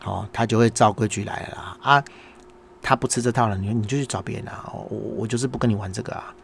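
Man, Taiwanese Mandarin accent, middle-aged, low voice, casual monologue, exasperated storyteller. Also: fast, gravelly, slight background noise. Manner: exasperated storytelling rant, acts out dialogue. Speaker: podcast host, small business owner.

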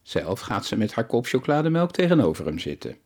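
A man narrating a children's story aloud in a calm, even way. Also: medium pitch, brisk.

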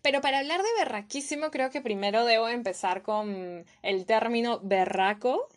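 Playful Peruvian woman teaching slang. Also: on the high side. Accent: Peruvian Spanish. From Peru. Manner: playful, repeats each word slowly to teach it. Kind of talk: casual vlog lesson.

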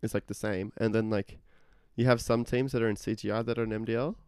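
A man's voice: fairly low pitch, flat delivery, fast talker, darkish tone, clean tone, no room sound, studio quality. A young man chatting casually about competitive gaming, brash and boastful, swearing freely. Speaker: competitive gamer. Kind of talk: casual chat.

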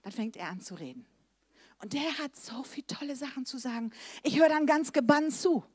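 A middle-aged woman evangelist preaching a lively sermon, swinging between loud emphasis and soft, low asides. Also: normal speed, slightly rough, dry recording, studio quality.

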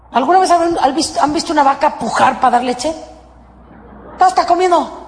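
Mexican woman preaching in an echoey hall. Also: high-pitched. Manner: dramatic, swings between hushed and raised voice. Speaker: motivational spiritual speaker. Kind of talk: inspirational sermon to an audience. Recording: echoey hall with long reverb.

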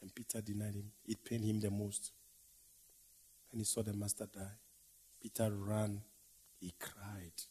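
A man preaching a dramatic sermon, swinging from loud declaiming to hushed whispers in a slow, repetitive cadence. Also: fairly low pitch, flat delivery, slightly rough.

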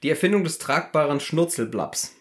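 A man's voice: a little high, expressive. A man hosting a casual podcast, playfully reading out a list and chatting to distract his co-host. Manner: playful, deliberately distracting with counting. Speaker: podcast host running a memory game.

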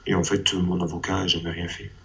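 An anonymous man giving a personal testimony in an interview, his voice pitch-shifted down to disguise it, speaking in a halting way as he searches for words. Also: level tone, fairly bright tone, slight background noise. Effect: pitch shifted down to hide identity.

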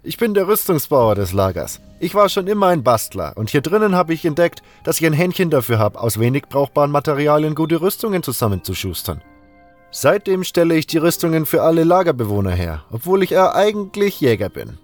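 A man voicing a calm, friendly young male hunter and armor maker who talks in an easygoing, matter-of-fact way. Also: a little high, fairly quick, soft background music, voice pushed up.

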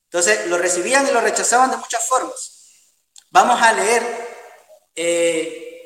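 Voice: medium pitch, a bit bright, far from the mic. A preacher delivering an earnest sermon to a congregation he calls beloved brothers and friends. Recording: roomy hall, voice from afar.

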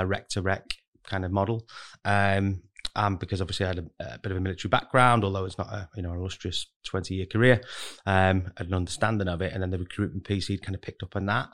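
A man speaking casually as a podcast guest, rambling and hedging as he explains himself. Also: low voice. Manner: rambling, heavily hedged with kind of and really. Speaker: podcast guest, recruitment manager. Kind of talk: casual interview talk.

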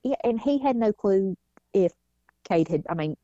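A woman's voice: medium pitch, animated, normal speed, mellow, dry recording. A woman, a mother telling her family's story in a casual interview and acting out the voices of people she quotes. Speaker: guest, mother. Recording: dull lo-fi sound.

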